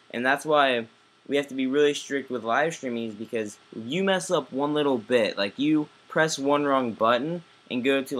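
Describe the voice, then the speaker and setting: A man's voice: medium pitch, a bit bright. Rambling man hosting a live stream. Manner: rambling, many fillers and restarts. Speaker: host. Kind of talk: casual live-stream chat.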